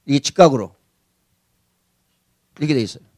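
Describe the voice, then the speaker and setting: A man's voice: medium pitch, expressive, moderate pace, darkish tone, no room sound. A man preaching a sermon as senior pastor, talking conversationally and asking rhetorical questions.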